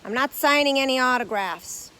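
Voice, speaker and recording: A woman putting on a booming pompous old stage actor. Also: animated, normal speed. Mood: grumpy. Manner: theatrical, loud and gruff.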